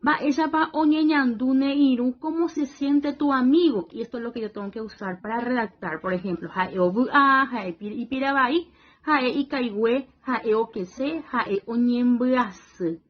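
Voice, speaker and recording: Slow, patient woman teacher, lo-fi. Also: fairly high pitch. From Paraguay region. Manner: slow, patient, repeats praise and checks in with "¿sí?". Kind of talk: worksheet lesson for young children.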